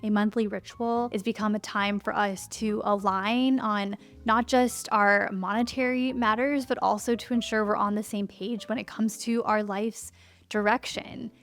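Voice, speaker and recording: A woman's voice: medium pitch, steady tone, moderate pace, a bit bright, soft background music. A woman in her thirties who is pregnant and a little out of breath. She chats in a friendly, cozy way in a sit-down vlog and laughs often. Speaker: lifestyle YouTuber.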